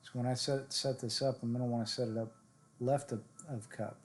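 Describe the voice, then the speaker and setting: A man's voice: mid-range voice, fairly quick. A man giving casual live-stream commentary on his gameplay, chatting with viewers and coaching himself through his shots. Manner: chatty, answers viewer chat directly; relaxed, self-coaching talk with fillers. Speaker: game streamer.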